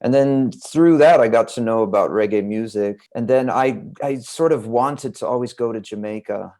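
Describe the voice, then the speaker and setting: A man's voice: mid-range voice, normal speed, darkish tone. An American man from Los Angeles, a guest author in a casual interview, telling his story in a rambling, reflective way over a video call. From Los Angeles, United States.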